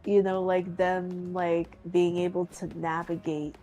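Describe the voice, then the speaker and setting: Rambling, giggly woman on a livestream, slightly low voice, soft music underneath. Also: flat delivery, unhurried. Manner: rambling, giggly, many likes and fillers. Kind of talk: casual chat.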